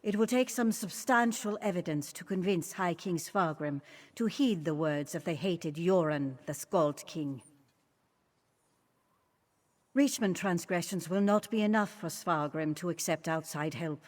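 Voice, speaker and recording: Fantasy game queen, played by an actress: lowish pitch, dignified, formal, measured and politically shrewd. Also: natural voice. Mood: grave, measured. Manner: formal, regal, deliberate. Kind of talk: video game character dialogue.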